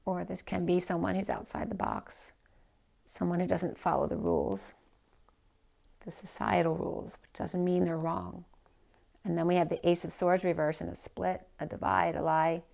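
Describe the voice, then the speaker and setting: Losing her voice, a tarot reader works through a spread in a low, gravelly, slightly mellow voice, unhurried and rambling as she thinks aloud. She frequently trails off mid-phrase and starts over, and the whole thing sounds like an informal reading she recorded herself.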